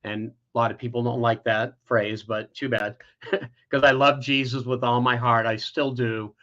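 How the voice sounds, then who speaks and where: A man's voice: mid-range voice, fairly even intonation, normal speed, a bit bright, muffled recording. A middle-aged man, an interview guest, candidly telling a painful personal story with many restarts.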